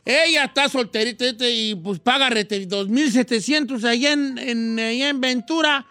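A man's voice: very high voice, normal speed, pushed and bright, dry recording. A man hosting a radio call-in show, joking and telling stories in slang. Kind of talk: casual on-air banter with a caller.

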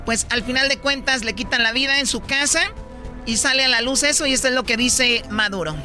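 A man's voice: very high voice, fairly even intonation, brisk, pushed and bright, soft background music. A man with a Mexican accent hosting casual news commentary. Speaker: talk show host.

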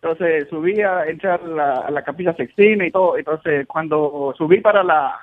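High-voiced man on a phone line. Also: moderate pace. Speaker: caller to a radio show. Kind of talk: casual travel chat. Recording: band-limited phone call to radio.

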